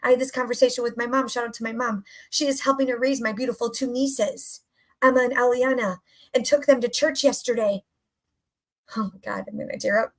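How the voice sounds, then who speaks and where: An upbeat woman coach speaking in a slightly higher voice, giving a motivational live talk. She talks emphatically and repeats key phrases to drive them home. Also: steady tone, a little fast. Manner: enthusiastic, upbeat. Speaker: health and mindset coach.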